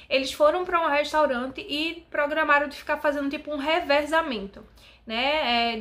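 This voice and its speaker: Woman vlogging a true crime case, kinda high voice, super chatty, keeps going "tá?" "né?" at the camera. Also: sharp tone. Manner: chatty, addresses viewers directly with frequent "tá?" and "né?". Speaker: YouTube channel host. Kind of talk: casual true-crime vlog narration.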